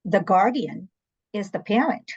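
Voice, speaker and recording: An interpreter services guest from Angola and South Africa, whose first language is Portuguese, speaks candidly on a conversational panel, telling anecdotes with emphatic asides. Her medium-pitched voice is animated, unhurried, a little mellow, and husky, and the recording sounds muffled.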